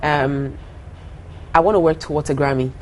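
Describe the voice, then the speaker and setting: A young singer from Ghana talks earnestly in a casual interview as a guest, often repeating her words and laughing easily. Her voice sits low, with a steady tone at normal speed, and a little hiss or hum is audible.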